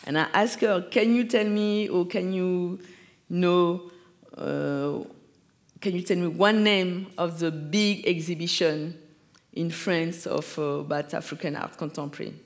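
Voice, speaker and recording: A man's voice: high voice, fairly even intonation, unhurried. A man who teaches art, speaking hesitantly at a panel and often searching for his English words. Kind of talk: panel conversation. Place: large hall with an audience.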